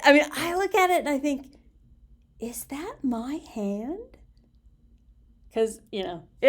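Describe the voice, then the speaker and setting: A woman in her sixties, a storytelling vlogger, rambles casually to the camera in a very creaky, gravelly voice that sits high. She's chatty, affectionate, expressive and giggly, tired and a little punchy from too little sleep.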